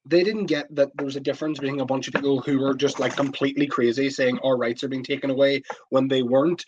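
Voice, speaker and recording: A man's voice: mid-range voice, fairly even intonation, muffled recording, noisy background. A man co-hosting a podcast, arguing politics in a heated casual chat with many restarts. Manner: heated, rapid, stumbling restarts. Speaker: podcast co-host.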